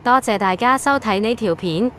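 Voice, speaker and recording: A woman's voice: on the high side, moderate pace, a bit bright, slight background noise. A woman with a Hong Kong accent hosting a video with scripted explainer narration.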